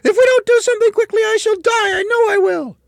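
Storybook villainess, elderly wife: screechy, extremely high, bossy and hysterical. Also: male voice, brisk, creaky, dry recording, studio quality, exaggerated voice. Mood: panicked. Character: shrieking, spiteful, hysterical nasty old wife.

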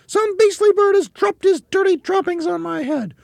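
Storybook villainess, elderly wife: screechy, extremely high, bossy and hysterical. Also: male voice, fairly quick, creaky, dry recording, clean studio sound, exaggerated voice. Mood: disgusted. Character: shrieking, spiteful, hysterical nasty old wife.

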